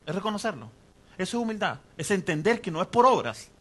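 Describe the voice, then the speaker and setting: A man's voice: high-pitched, very animated, fairly quick, fairly bright tone. A man preaching a sermon as pastor, conversational and asking the congregation questions.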